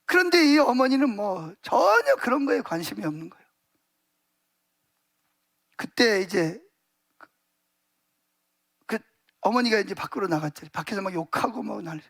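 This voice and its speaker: A man's voice: high-pitched, very animated, normal speed, vocal fry, long pauses, fairly bright tone. A male pastor preaching a sermon in a church, telling stories vividly with many emphatic fillers.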